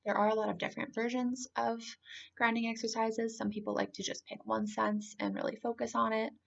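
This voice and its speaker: A woman calmly explaining and guiding a grounding exercise in an informal, conversational way. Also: a little high, fairly quick, gravelly, lo-fi sound. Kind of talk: informal spoken lesson, calm grounding exercise.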